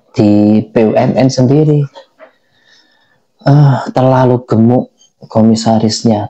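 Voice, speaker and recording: A man giving unscripted political commentary in a halting way, repeating phrases for emphasis. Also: mid-range voice, creaky, dark tone, slightly rough, dull audio. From Indonesia. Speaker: commentator giving personal opinion.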